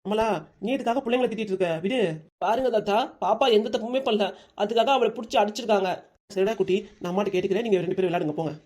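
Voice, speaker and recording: A woman voicing a kindly grandfather who gently reasons with the family, with a southern Tamil accent. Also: medium pitch, very fast, close to an everyday voice. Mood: calm reasoning.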